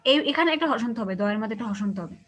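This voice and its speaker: A woman teacher with a Bangladeshi Bengali accent leads an online class. Her voice sits high and she talks quickly. She explains step by step and keeps asking her students if they understand. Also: expressive, fairly bright tone, breathy edge. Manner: explains patiently, asks checking questions.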